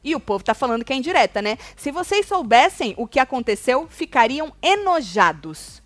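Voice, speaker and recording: A woman's voice: high-pitched, big pitch swings, a little fast, no echo. A woman with a Brazilian accent hosting a web show, chatting casually and emphatically about gossip.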